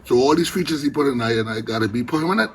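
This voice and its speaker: An older Rastafarian man with a Caribbean accent speaks in an impassioned, informal Rasta manner, full of patois phrasing. His pitch sits in a middle range for a man. There is light ambient noise around him. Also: animated, very fast. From the Bahamas. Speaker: Rastafarian elder.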